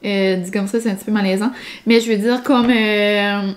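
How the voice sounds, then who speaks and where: A woman's voice: medium pitch, fairly even intonation, moderate pace. A woman talking casually to her vlog camera at home, rambling and chatty with lots of fillers. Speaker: vlogger. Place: home, indoors.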